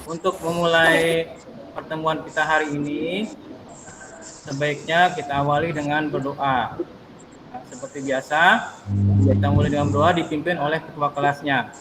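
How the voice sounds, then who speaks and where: A man's voice: on the high side, flat delivery, measured pace, long pauses, background noise. A man teaching an online class over a video call, taking attendance and patiently coaxing students to unmute their mics.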